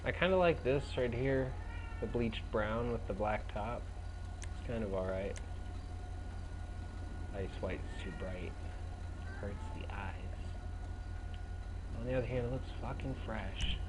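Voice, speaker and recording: A man's voice: on the low side, unhurried, pauses often. A young man giving casual, rambling, slangy and profane commentary while playing a video game. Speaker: gaming commentator. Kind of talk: casual let's play commentary. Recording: clearly noisy, game engine sounds behind.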